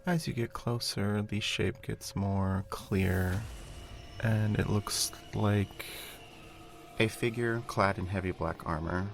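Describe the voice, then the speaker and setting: A man's voice: lowish voice, steady tone, takes it slowly, vocal fry, slight background noise. A man acting as game master, improvising narration for a tabletop game. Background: background music.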